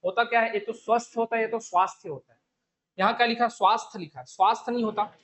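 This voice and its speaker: High-voiced teacher, explains step by step. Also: male voice, fairly even intonation, fast, fairly bright tone. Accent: Chhattisgarhi Hindi. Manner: explains step by step, repeats the question and the answer over and over. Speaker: exam coaching teacher. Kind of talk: online spelling lesson.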